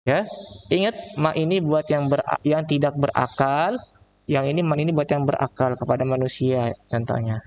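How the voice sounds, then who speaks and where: A man teaching Arabic with a Jakarta accent, slowly drawing out the example phrases in a recorded online lesson. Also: on the high side, darkish tone, muffled recording, a little hiss or hum. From Indonesia. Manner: slow, drawn-out reading of example phrases. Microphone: laptop mic.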